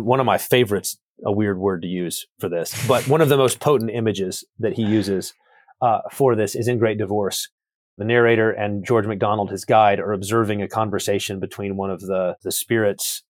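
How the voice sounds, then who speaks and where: A man with a somewhat low voice works through ideas out loud in a thoughtful, circling way, repeating words as he builds each point. He is a guest author in a podcast conversation. The recording is close and dry, with no room sound. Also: fairly even intonation, normal speed, no echo. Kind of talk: reflective theological conversation.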